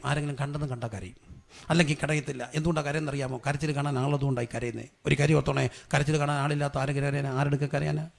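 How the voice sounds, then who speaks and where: A man, a pastor preaching a sermon, moving from quiet storytelling to loud, fervent exhortation. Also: fairly high pitch, vocal fry.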